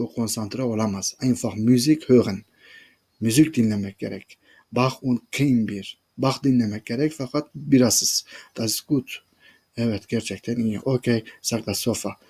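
Husky man reading and translating a story. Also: medium pitch, mellow. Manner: addresses listeners as friends, explains each sentence. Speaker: German language teacher reading a story. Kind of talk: reading a German story aloud and translating it line by line.

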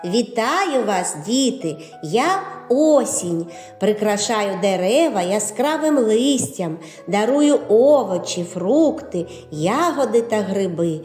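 Brief: kindly Autumn spirit, woman voicing, slow gentle lilt, roomy echo. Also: mid-range voice, lively intonation, soft background music. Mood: welcoming.

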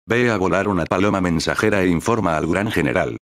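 A man's voice: low-pitched, quick pace, no room sound, clean studio sound, close to an everyday voice. A man voicing an angry, threatening male steward in a narrated story. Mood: furious. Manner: shouting threats.

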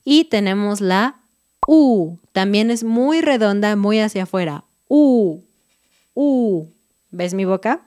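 A woman's voice: medium pitch, moderate pace, a little mellow, clear, resonant tone, dry recording, clean studio sound. A young woman with a Mexican Spanish accent teaching a pronunciation lesson, drawing out each vowel with exaggerated mouth shapes.

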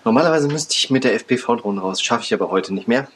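A man's voice: medium pitch, lively intonation, brisk, a little hiss or hum. A man in his thirties chatting casually to camera in a rambling, hesitant way, recorded in a room at home. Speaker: vlogger. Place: furnished attic room at home.

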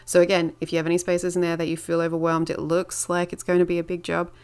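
A woman's voice: on the low side, monotone, fast talker, a little mellow, clean tone. A woman narrating her home cleaning video in a casual, chatty voice-over, rambling a little with filler words.

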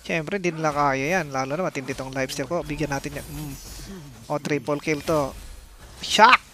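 A man streaming live gameplay, excitable and commenting as he plays, with sudden exclamations and playful taunts at his opponents. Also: fairly high pitch, moderate pace. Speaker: game streamer.

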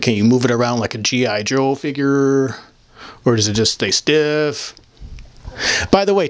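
A man's voice: medium pitch, no room sound. Blunt, profane young man, dry close sound. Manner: blunt, profane, rambling and mocking. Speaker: vlogger answering viewer comments. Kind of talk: casual, crude monologue. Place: small indoor room with photo-covered wall. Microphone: handheld microphone held close.

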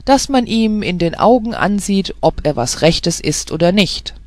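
A reader voicing gruff, scornful older male gate guards in an audiobook fairy tale, shouting harshly and mocking. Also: mid-range voice, sing-song, a little slow, dry recording.

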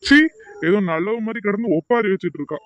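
A man's voice: high voice, fast, no echo, highs cut off, natural voice. A man voicing an angry young husband in a cartoon drama, who scolds and threatens. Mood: bitter.

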